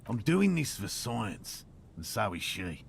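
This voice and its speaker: A man's voice: lowish voice, big pitch swings, slow pace, gravelly, a little hiss or hum, full character voice. An actor playing an eager, self-conscious male cryptozoologist in a video game, talking in a stiff, prim way. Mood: earnest. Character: fussy, eager male cryptozoologist hunting a creature. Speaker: game character. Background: game music.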